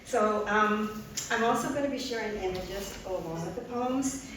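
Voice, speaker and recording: An older woman reads her poems at a live open mic, sharing earnest, chatty asides in between. She fills her pauses with ums, and her voice sits at an ordinary pitch for a woman. The mic catches her from a distance in a very reverberant room with clear background ambience. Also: background noise. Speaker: poet and art therapist. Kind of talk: live poetry reading with spoken asides.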